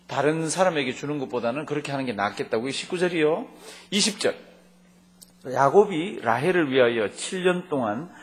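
A man preaching a sermon, reading Bible verses aloud and asking the congregation questions, swinging between loud and soft. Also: fairly high pitch. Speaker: pastor.

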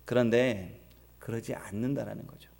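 Gravelly-voiced Korean pastor preaching. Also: male voice, medium pitch, fairly even intonation, moderate pace, a little mellow. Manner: conversational, asks the congregation questions. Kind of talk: sermon.

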